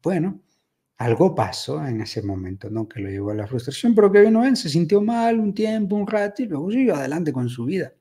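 Husky, warm-voiced man talking. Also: a little high, very animated, a little fast. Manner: reflective, storytelling, frequent tag questions. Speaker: speaker giving advice. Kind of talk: casual monologue.

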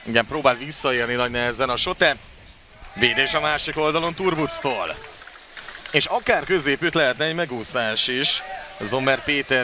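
A man giving live water polo play-by-play commentary as a sports commentator. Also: medium pitch. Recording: clear background noise of an outdoor venue.

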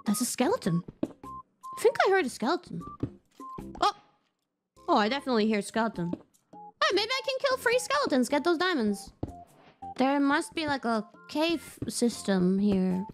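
A woman's voice: sits high, very animated, normal speed, long pauses, faint music behind. A woman live-streaming a game, commentating in a scared, jumpy manner with gasps and yelps.

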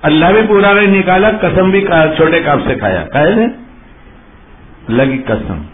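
A male religious preacher giving a lively sermon, quizzing his listeners and acting out little dialogues. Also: high-pitched, moderate pace. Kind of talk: sermon with questions to the audience. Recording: muffled phone-like sound.

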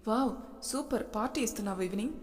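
A woman voicing a cheerful young office colleague who talks in a chatty, lively way, with a long reverb. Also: on the high side, fast, lightly acted.

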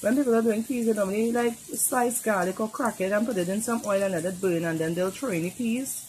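A woman's voice: medium pitch, fairly quick, darkish tone, slight background noise. Chatty Trinidadian woman cooking at home. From Trinidad and Tobago. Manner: chatty, talks viewers through each step. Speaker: home cook. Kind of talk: casual cooking vlog. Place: home kitchen.

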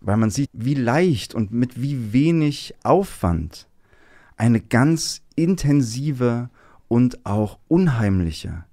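A man discussing a novel on a podcast and reading a passage from it slowly and deliberately. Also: mid-range voice, animated, mellow, no echo, clean studio sound. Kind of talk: book discussion and literary reading.

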